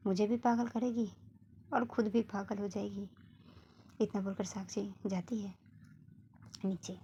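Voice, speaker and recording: A woman's voice: medium pitch, warm tone, dull audio, a little hiss or hum. A woman narrating a family love story and reading all the characters' lines in a casual, conversational way. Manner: reads every character with small shifts in her own voice.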